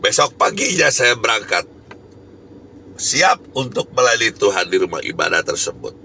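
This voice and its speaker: A man's voice: fairly low pitch, sing-song, normal speed, creaky, sharp tone, slight background noise. A man preaching a sermon as an evangelist, telling a personal story emphatically with bursts of raised voice. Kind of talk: sermon testimony.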